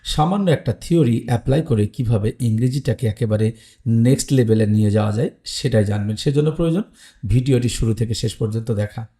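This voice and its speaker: A man's voice: mid-range voice, a little fast, dark tone. A man teaching English pronunciation in an online lesson, explaining plainly with frequent "ah" fillers. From Bangladesh or West Bengal.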